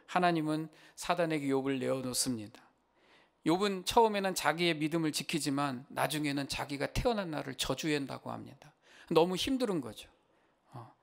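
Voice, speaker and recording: A man preaching a sermon as pastor, impassioned, often asking the congregation rhetorical questions. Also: on the high side. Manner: impassioned, rising loud when voicing Job's complaints.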